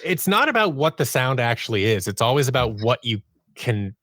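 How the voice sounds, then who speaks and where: A podcast guest who produces audio dramas and designs sound speaks in a medium-pitched, sing-song male voice at a moderate pace, slightly bright. He chats through an interview, recounting stories about his creative work and acting out snippets of quoted dialogue. The recording is dry, with clean studio quality.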